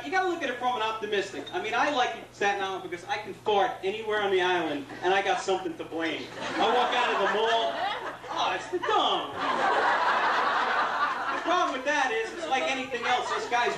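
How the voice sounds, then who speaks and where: A man's voice: sits high, fast talker, a loud crowd, very noisy. A man doing a profane, punchy stand-up comedy set on a club stage. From New York. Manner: brash, profane, punchy delivery. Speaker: stand-up comic. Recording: echoey club recorded from a distance. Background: audience laughing.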